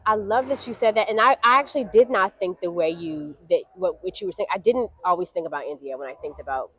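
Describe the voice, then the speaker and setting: Enthusiastic woman interviewer, affirming and lively. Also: lowish voice, fast. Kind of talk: interview at a festival. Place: indoor event press backdrop.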